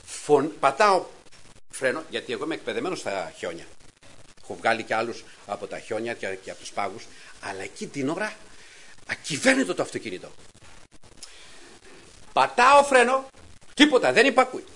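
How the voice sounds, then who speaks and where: A middle-aged man giving a testimony sermon to a congregation, telling a story with lively, acted-out dialogue and sudden raised exclamations. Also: mid-range voice, long pauses, rough recording. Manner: animated storytelling, acts out quotes in a raised voice.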